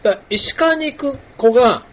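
A man's voice: very high voice, lively intonation, brisk. A man from hosts a podcast, chatting casually and explaining things with examples. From Kumamoto, Japan. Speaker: podcast host. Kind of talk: casual chat. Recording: dull lo-fi sound with faint noise.

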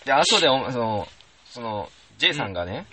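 Animated young man telling a story. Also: medium pitch, fast, low-quality recording. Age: young adult. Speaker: guest. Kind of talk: casual chat.

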